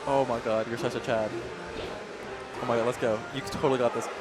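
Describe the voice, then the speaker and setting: A man giving casual, slangy colour commentary on an esports match, excitable and prone to exclamations. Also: mid-range voice, fairly quick. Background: loud music.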